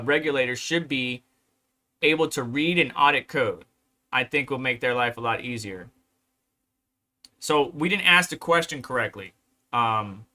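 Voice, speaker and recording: A man's voice: medium pitch, sharp tone. A man hosting a casual livestream, reading articles and chat aloud and rambling in asides. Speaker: crypto livestream host.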